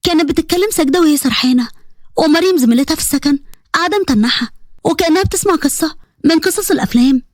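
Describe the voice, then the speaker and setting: A woman with an Egyptian accent narrating a story in a brisk, expressive reading. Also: high-pitched, no room sound, clean studio sound.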